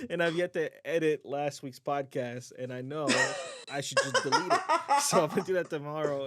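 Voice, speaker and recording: A man's voice: medium pitch, noisy background. A man hosting a casual podcast chat, joking and laughing often, rambling with restarts. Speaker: podcast host.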